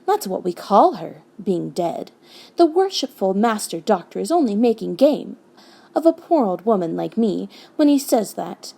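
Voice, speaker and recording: Woman as a storybook crone, whining, shrill, gravelly edge, oily flattery, sly and wheedling. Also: moderate pace. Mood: fawning, wheedling. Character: whining, fawning old hag, servant of witchcraft.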